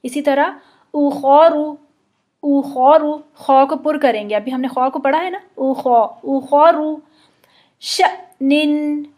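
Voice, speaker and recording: A woman teaching Arabic letter sounds, explaining patiently and drawing out slow model pronunciations. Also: high voice, a little mellow. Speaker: Quran recitation teacher. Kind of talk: instructional explanation with slow demonstrations.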